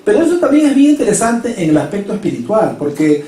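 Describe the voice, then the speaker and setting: A man's voice: sits high, sing-song, fast talker, mellow. A male pastor delivering a sermon, pressing his points with emphatic rhetorical questions. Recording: echoey hall, mic at a distance.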